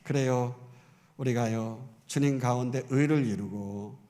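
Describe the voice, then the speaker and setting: A middle-aged man preaching a Sunday sermon as pastor, fervent and emphatic, moving between loud exclamations and conversational questions to the congregation. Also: mid-range voice, unhurried. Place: church sanctuary. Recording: long church-hall reverb.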